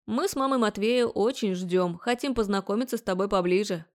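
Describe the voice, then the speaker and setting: A woman's voice: medium pitch, a little fast, lightly acted. A woman reading an audiobook, voicing a stern middle-aged male university rector who talks formally and grumbles at his son. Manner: formal, condescending, gruff toward his son. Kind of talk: audiobook character voice.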